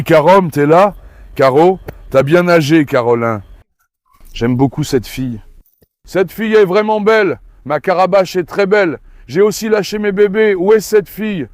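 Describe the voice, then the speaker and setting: Man with a fairly high voice, coaxing. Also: a little mellow, no room sound, studio quality. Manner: coaxing and affectionate with the dogs, pleading with viewers. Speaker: dog breeder and vlog host. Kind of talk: casual vlog, talking to his dogs and the camera.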